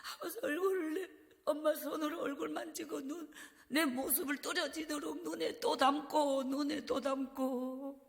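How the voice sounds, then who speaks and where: A woman evangelist preaches at a revival, telling her story with strong feeling and often sinking to hushed, breathy tones. Her voice sits high. A long reverb from the church hall hangs on every phrase. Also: steady tone, normal speed. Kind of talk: revival sermon testimony.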